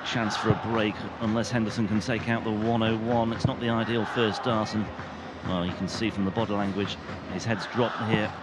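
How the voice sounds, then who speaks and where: A man giving live darts commentary as lead commentator, in measured, descriptive phrases. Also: fairly low pitch, little pitch movement. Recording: loud crowd and venue noise. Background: noisy darts crowd.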